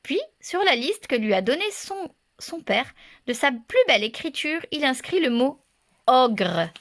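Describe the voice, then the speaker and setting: A woman reads a children's story aloud in a lively, expressive way. Her voice is high and bright, with a forceful edge. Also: a little slow.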